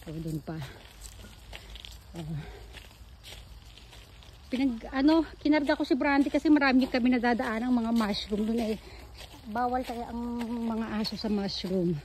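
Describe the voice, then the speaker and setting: A woman's voice: on the high side, unhurried, pauses often, darkish tone, slight background noise. A woman filming a casual walking vlog outdoors on her phone, chatting to her viewers and calling her dog in a sing-song voice, sometimes out of breath. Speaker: vlogger. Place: outdoor garden and dog run on a hillside.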